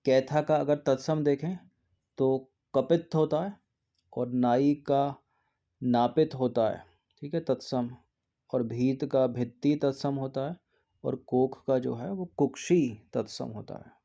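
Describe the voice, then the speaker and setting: A man with a medium-pitched, creaky, dark voice speaks unhurriedly. He's an exam prep teacher working through the answers to a practice test in a series, explaining each one steadily and repeating words to check them.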